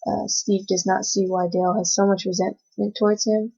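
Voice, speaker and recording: Reading from her notes with frequent hesitations, a young woman student presents orally in class; she's from the United States and Cantonese was her first language. She speaks in a mid-range, flat voice at a moderate pace, with vocal fry, a dark tone, and slight roughness, captured in dull lo-fi audio.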